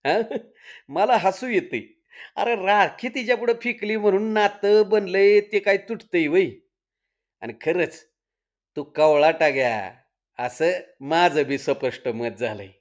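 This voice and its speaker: A man's voice: sits high, takes it slowly. A storyteller voicing a teasing young village man who mocks his friend. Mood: mocking. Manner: laughing, mocking.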